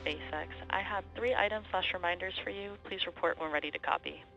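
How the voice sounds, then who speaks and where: A woman working as a spacecraft operator, giving crisp, methodical procedural callouts over a space-to-ground radio link. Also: on the low side, quick pace, bright, forceful tone. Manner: crisp, methodical checklist delivery. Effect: space-to-ground radio comm link. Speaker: spacecraft operator at mission control. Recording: muffled radio link, faint music.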